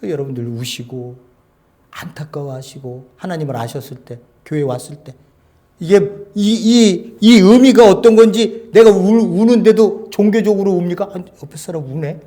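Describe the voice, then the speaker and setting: A man preaching a sermon as pastor, swinging between loud exhortation and hushed, near-whispered lines, often putting rhetorical questions to the congregation. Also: high voice, moderate pace.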